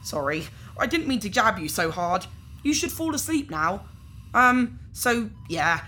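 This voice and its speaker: Against a noisy background, a woman speaks a little slowly in a medium-pitched, sing-song voice. She's cast as an organ harvester in a science fiction audio drama, casual and sorry about it, sounding nonchalant, hesitant and awkwardly polite.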